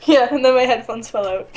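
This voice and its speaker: Teasing high-voiced woman. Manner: teasing, dry and playful. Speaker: co-host. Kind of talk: casual banter over a game.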